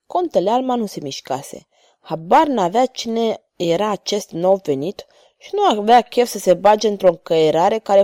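A woman reads a swashbuckling novel aloud with expressive, animated intonation. Her voice is warm and mellow, recorded close and dry with no room sound. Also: mid-range voice, no echo. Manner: expressive, voices every character. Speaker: narrator. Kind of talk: audiobook reading of an adventure novel.

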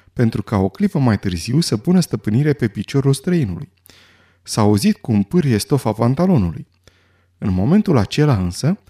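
A man narrating a story in a scripted audiobook reading, expressive and dramatic. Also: mid-range voice, husky.

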